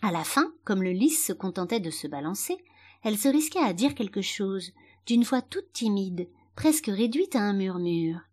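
A woman reads a children's storybook aloud, narrating with animation. Her voice sits at a middle pitch but moves freely, lifting and dipping to colour each sentence. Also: very animated, moderate pace, darkish tone. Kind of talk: storybook reading.

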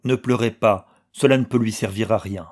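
A man's voice: moderate pace, darkish tone, close to an everyday voice. A man voicing a proud, fierce young woman. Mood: commanding. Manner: high-strung, commanding outbursts. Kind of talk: audiobook reading.

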